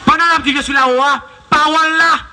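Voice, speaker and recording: A Haitian man preaching an open-air revival sermon, chanting repeated refrains and breaking into sudden shouts. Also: extremely high pitch, steady tone, brisk. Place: outdoor public square.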